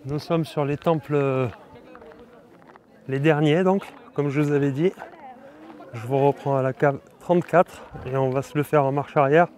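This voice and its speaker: A man's voice: a little high, steady tone, moderate pace, a little mellow. A man chatting casually to camera as a travel vlogger outdoors, tired and thirsty from walking in the heat.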